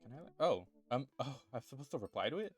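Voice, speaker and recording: A man's voice: medium pitch, sing-song, fast talker, breathy edge, faint music behind. Playful young man streaming a game. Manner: playful, jokey, rambling. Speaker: gaming streamer. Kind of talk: reading game dialogue aloud on stream.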